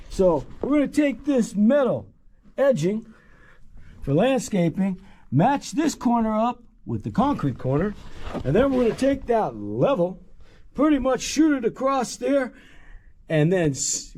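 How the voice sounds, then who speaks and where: A man's voice: high-pitched, very animated, measured pace, mellow. A man hosting a casual on-site how-to, talking loosely as he works in a backyard and often saying "pretty much" and "okay?". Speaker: contractor host. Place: outdoor backyard work site.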